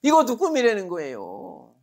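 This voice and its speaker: A man's voice: high voice, wildly swooping pitch, moderate pace, gravelly, a little mellow. A male Buddhist monk giving a dharma talk, telling it vividly with rhetorical questions and acted-out quotes. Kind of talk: sermon.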